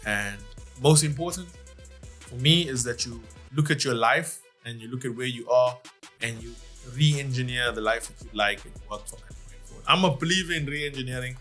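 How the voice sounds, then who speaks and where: A man's voice: medium pitch, moderate pace, soft background music. A man, a comedian guest on a studio podcast, telling stories animatedly and acting out what people said. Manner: animated storyteller who acts out what people said. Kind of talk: casual podcast chat.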